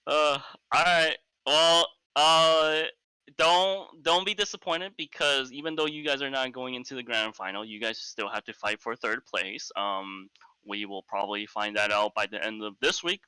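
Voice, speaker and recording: Bright, crisp joking male caster. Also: medium pitch, normal speed, no echo, poor audio. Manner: joking, crude, laughs often, rambling. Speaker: esports caster interviewing a player. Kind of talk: casual post-match interview.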